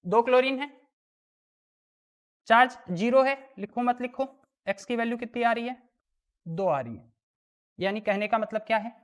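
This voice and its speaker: A woman teaching a chemistry lesson, asking the class questions and answering them herself. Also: high voice. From India. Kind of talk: classroom lesson explaining worked exam problems.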